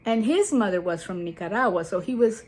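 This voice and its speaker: Still sweaty from a walk, this Guatemalan-born YouTube host in her seventies chats to camera about her life, wandering off on tangents as she goes. Her mid-range voice sounds animated, brisk and a little mellow.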